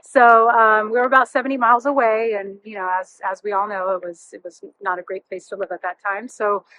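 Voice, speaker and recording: A woman in her thirties, a realtor and former firefighter, tells personal stories casually as an interview guest. Russian is her first language; she was born near Chernobyl and emigrated to California as a child. Her medium-pitched voice is flat, a little fast, pushed and bright, in poor audio with no echo.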